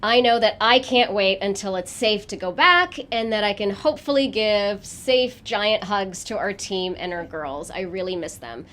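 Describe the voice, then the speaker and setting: A woman from a charity's staff giving casual closing remarks in a warm, wistful way. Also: mid-range voice, normal speed, hardly any pauses.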